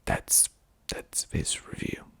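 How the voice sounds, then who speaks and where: This is a man reading critiques of his movie in a soft, husky whisper full of breath. He takes his time, commenting deliberately in a low, hushed ASMR delivery.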